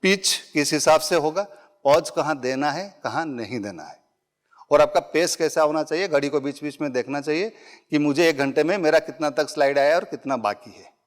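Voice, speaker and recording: Here a middle-aged man's slightly high voice moves at a moderate pace. He's giving a conversational public speaking workshop to a live audience, weaving in English phrases and illustrating points with ordinary, everyday examples.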